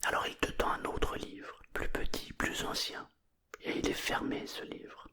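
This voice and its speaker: Whispering a bedtime story, the narrator sounds breathy and murmuring, quiet and soothing throughout. Phrases are set apart by gentle pauses.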